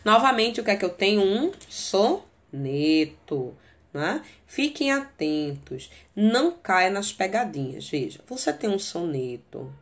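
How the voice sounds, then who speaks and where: A woman's voice: medium pitch, sing-song, slow pace. A woman with a Brazilian Portuguese accent teaching a literature lesson, explaining step by step and checking in with short tag questions. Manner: reads verse aloud with emphasis. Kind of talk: recorded video lesson.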